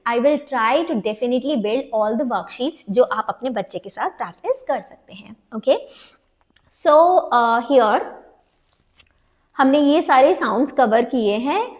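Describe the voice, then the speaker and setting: A woman with an Indian English accent leads a phonics lesson for parents, her voice sitting a little high. She moves back and forth between Hindi and English and slows right down whenever she sounds out a letter. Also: lively intonation. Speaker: phonics trainer.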